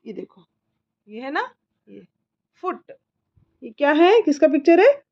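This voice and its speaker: Patient mother spelling words slowly. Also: sits high, sing-song, highs cut off. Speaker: mother teaching her child. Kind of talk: slow spelling lesson.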